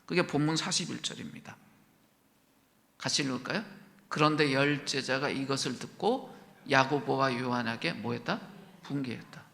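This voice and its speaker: A man's voice: medium pitch, normal speed, creaky, pauses often, a bit bright. A male pastor preaching a sermon, asking his congregation questions and acting out quoted lines, sometimes dropping to a whisper. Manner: asks the congregation many questions, acts out quoted speech, drops to a whisper. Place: church sanctuary. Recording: church hall reverb.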